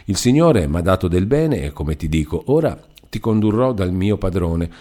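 A rambling, good-natured male cousin, read by a man in an audiobook. The voice sits very low and mellow. He talks on warmly and chattily. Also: lively intonation, normal speed. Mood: chatty. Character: warm-hearted talkative male cousin, a mill foreman. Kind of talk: audiobook character voice.

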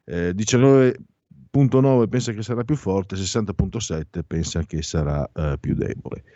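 Hesitant older male radio host, low-pitched. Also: normal speed, dark tone, no echo, dull audio. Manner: hesitant, rambling, self-correcting. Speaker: radio talk show host. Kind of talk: live radio commentary on news and polls.

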